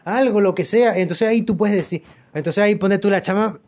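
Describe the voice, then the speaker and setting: A man's voice: sits high, fairly quick, darkish tone. A young Venezuelan man telling stories in a loose, slangy casual chat, full of fillers and repeats. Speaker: podcast co-host.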